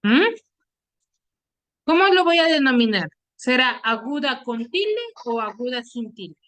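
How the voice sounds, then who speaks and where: A woman teacher with a high voice leads an online class over a computer mic. She steadily quizzes her students, repeating her questions and checking in with them. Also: sing-song, a little slow, a bit bright. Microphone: computer mic on a video call.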